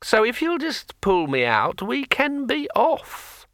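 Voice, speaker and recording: A man voicing a pushy, chatty male magic sword in a thin, high, ringing voice, drawn out and bossy. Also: wildly swooping pitch, slow, a bit bright, smooth, dry recording, clean studio sound, heavily acted. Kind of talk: audiobook character voice.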